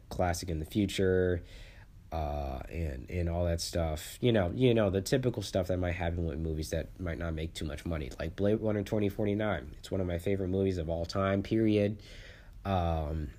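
A man's voice: low voice, dark tone. A man hosting a casual solo movie podcast, rambling and repeating words, congested and sniffling with the flu.

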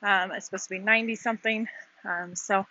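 A woman's voice: medium pitch, steady tone, brisk, sharp tone, highs cut off, a little hiss or hum. A woman, an author and podcast host, chatting casually on a shaded outdoor walk, slightly out of breath and rambling with fillers and musing questions. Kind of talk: casual walking vlog. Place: outdoors on a shaded walking path.

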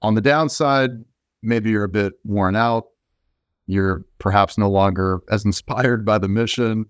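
Guy being interviewed, kinda low voice, explains stuff conversationally, dry sound. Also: unhurried, clear, resonant tone, dry recording. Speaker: interview guest, venture investor.

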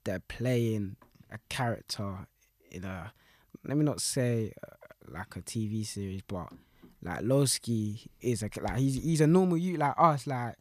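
Talking casually about music, this young man has a fairly low, darkish voice that's animated yet measured in pace, with no room sound. His London roadman accent (Multicultural London English) carries loose street slang, and he repeats his phrases often.

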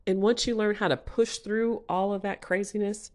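A woman's voice: mid-range voice, fairly even intonation, moderate pace. A woman hosting a motivational talk, speaking directly to listeners in a conversational, emphatic and urging way. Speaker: podcast host and small business coach.

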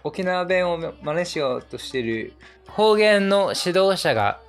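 A man hosting a podcast in London, chatting casually and relaxed with lots of fillers. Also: high-pitched, a little slow, soft background music. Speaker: host, izakaya owner persona. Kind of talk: casual chat.

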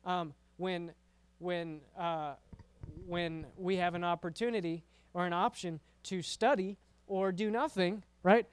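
Guy doing a youth sermon, high smooth voice, keeps saying right? and stumbling over words, dry close sound. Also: fairly even intonation, unhurried, dry recording. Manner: conversational, repeats words, frequent "right?" tag questions. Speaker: youth pastor.

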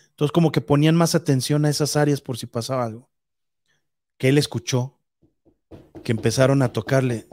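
Mexican male storyteller, higher voice, rambling ghost-story narration. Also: darkish tone. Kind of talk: casual spoken ghost story.

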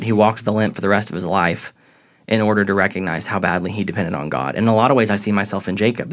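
A young man telling his faith story as a podcast guest, earnest and reflective. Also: fairly low pitch. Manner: earnest, reflective, grows excited retelling moments. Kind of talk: faith testimony in casual conversation.

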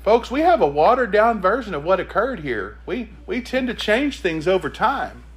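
A man's voice: sits high, big pitch swings, normal speed. A man preaching a sermon, reading scripture and pressing the congregation with emphatic rhetorical questions.

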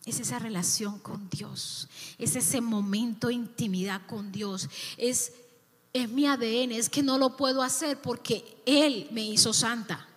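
A woman pastor preaching with fervor, her voice pitched a little high. She stacks emphatic repetitions on top of each other. Her words ring out with the long reverb of a church hall. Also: fairly even intonation, unhurried, a bit bright. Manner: impassioned, building emphatic repetitions. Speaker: youth pastor. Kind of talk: sermon.

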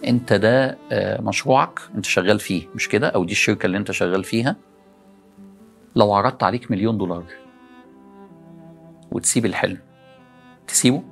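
A man's voice: fairly low pitch, fast talker, gravelly, pauses often, faint music behind. A man with an Egyptian Arabic accent giving a motivational religious talk to young people, full of rhetorical questions to the audience. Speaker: preacher addressing young people.

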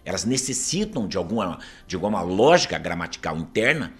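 A man's voice: deep voice, very animated, brisk, a bit bright. A Brazilian man with a Paraná accent, an interview guest arguing his views emphatically and often asking rhetorical questions. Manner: emphatic, argumentative, keeps asking rhetorical "isn't it true?". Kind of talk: opinionated conversational commentary.

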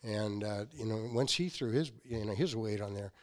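A company founder in his sixties, guesting somewhere, tells casual stories and animatedly acts out the quotes within them. His voice is lowish and moves at a normal speed.

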